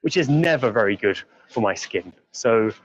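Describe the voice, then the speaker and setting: A man's voice: medium pitch, lively intonation, slightly rough, dull audio. English man teaching on a walking tour. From England. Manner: friendly, explains words slowly and reads viewer comments. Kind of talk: live-streamed walking tour lesson. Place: outdoors on busy city streets.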